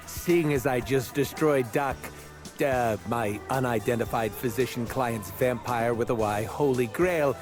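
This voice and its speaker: An actor playing an irreverent, flippant antihero in a video game, mocking and sarcastic in a jokey way. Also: male voice, mid-range voice, unhurried, over music, lightly acted. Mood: cheeky pleading. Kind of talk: comedic video game acting.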